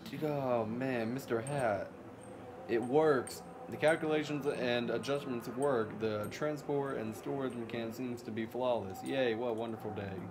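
A man doing gameplay commentary, excitable and jokey, talking back at the game. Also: mid-range voice, measured pace, background noise. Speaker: let's play host.

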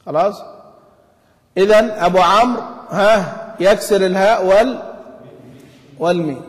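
Sheikh with a high voice explaining recitation rules, tinged speech, drags out example words, long hall echo. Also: male voice. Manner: stretches out example words slowly, quizzes the class. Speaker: Quran recitation teacher. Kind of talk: explaining a classical text to students. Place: mosque study hall.

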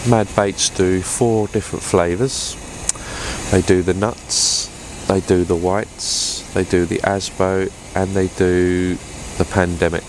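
A man's voice: low-pitched, level tone, slow pace, noisy background. A man, chatting casually to camera in a fishing vlog, rambling with fillers and restarts, recorded on a lapel mic inside a tent. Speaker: fishing vlogger. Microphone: clip-on lapel mic.

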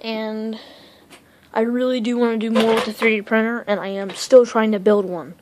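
Casual woman vlogger, rambling shop tour, handheld phone in a cluttered workshop, clear background hiss. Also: a little high, steady tone. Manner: rambling, quick, self-interrupting. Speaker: electronics hobbyist vlogger. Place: cluttered home electronics workshop, indoors. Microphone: handheld phone camera.

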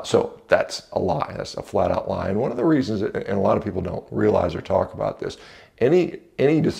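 An American man, a video reviewer and commentator, gives unscripted opinions to camera in a deep, darkish voice with heavy creak, bluntly and dismissively, as though talking straight to a viewer. He is indoors in a home entrance hall, recorded on a small clip-on lapel mic.

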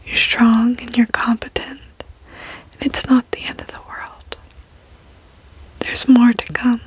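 A young adult woman gives a reassuring ASMR pep talk in a soft, breathy whisper, close to a desk microphone in a bedroom. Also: a little high, level tone, poor audio. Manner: slow, reassuring, gentle encouragement. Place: bedroom, indoors.

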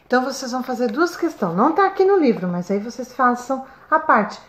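A Brazilian woman with a slightly high voice records a lesson for first-grade pupils. She talks slowly and kindly, stretching syllables out and checking in with the children often. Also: lively intonation. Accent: Brazilian Portuguese. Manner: slow, sing-song, stretches syllables for children.

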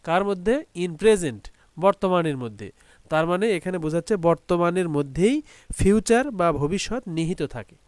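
A man gives an online school lesson, patiently spelling out words letter by letter and syllable by syllable. His voice sits a little high and sounds smooth and clear, recorded close and dry with no room echo. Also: lively intonation, normal speed, darkish tone. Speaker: teacher.

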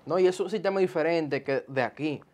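A young man, hosting a casual interview in a small studio, friendly and animated when he makes a point. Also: on the high side, a little fast. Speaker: podcast host. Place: small indoor studio with sofa chairs.

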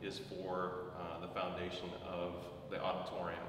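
A low, level-voiced man in his thirties explains building work slowly, with lots of "uh"s. He sounds far from the camera mic in a stripped, echoing room. A steady hum of background noise runs under him. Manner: explanatory, steady, frequent fillers, gestures while talking. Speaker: school administrator. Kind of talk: on-site walkthrough explanation. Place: large empty classroom under construction, indoors. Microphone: camera mic from a distance.

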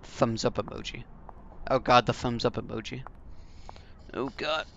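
A man's voice: medium pitch, a little slow, vocal fry, a bit bright, highs cut off, slight background noise. A young adult man giving casual, offhand let's play commentary into a headset mic. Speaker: gaming YouTuber. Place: indoors, seated at a gaming setup. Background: faint game music.

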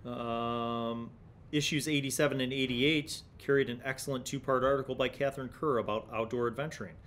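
A middle-aged man hosts a tabletop gaming review series from a small indoor studio, speaking into a desk microphone. His mid-range, a bit bright voice has fairly even intonation and a fairly quick pace, with slight background noise. He muses casually in stop-and-start phrases and reads excerpts aloud.

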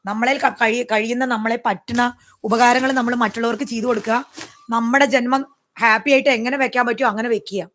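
A woman vlogger pours out a personal account to her viewers at a rapid clip, her voice sitting a little high. She is emphatic and aggrieved, circling back to repeat her points, and the room around her rings with echo. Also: fairly even intonation, fairly bright tone. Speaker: YouTuber. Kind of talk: personal vlog monologue to viewers. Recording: echoey room.

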